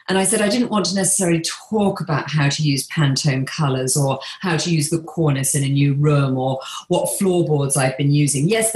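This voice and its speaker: English woman guest, low voice, slow and reflective, roomy echo. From England. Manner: measured, with frequent um and restarts. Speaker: interior designer and author being interviewed. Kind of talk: reflective interview talk.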